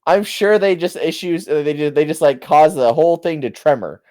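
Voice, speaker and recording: Hesitant young male co-host, lively rising-and-falling voice, somewhat high. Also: fairly quick, no room sound. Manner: hesitant, stammering restarts, laughs often. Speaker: podcast co-host. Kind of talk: casual banter.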